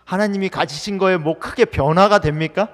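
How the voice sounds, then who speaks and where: A pastor with a high voice preaches a little fast in a church sanctuary, addressing the congregation conversationally with many questions. Long hall reverb colors the recording.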